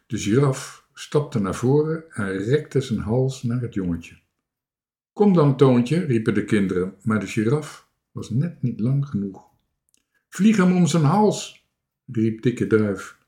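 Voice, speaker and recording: A man reading a children's story aloud, slowly and with lively expression, putting on high voices for the characters. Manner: slow, lively storytelling with restarts. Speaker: reader of a children's book.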